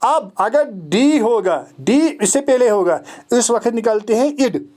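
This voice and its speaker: A man's voice: extremely high pitch, expressive, a little slow, a little mellow. A man teaching English phonetics in a recorded online lecture. He explains patiently, repeats key points for emphasis and checks that his students follow.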